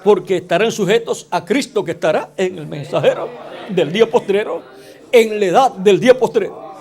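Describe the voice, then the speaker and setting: A man preaching a sermon slowly and deliberately, asking the congregation rhetorical questions. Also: high-pitched, gravelly, darkish tone.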